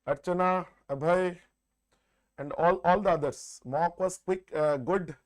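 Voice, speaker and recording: A man's voice: high voice, steady tone, unhurried. A man with an Indian accent and a troubled throat, teaching a live maths class online, repeating phrases and often saying "sir". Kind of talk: live exam-solution lesson, addressing students.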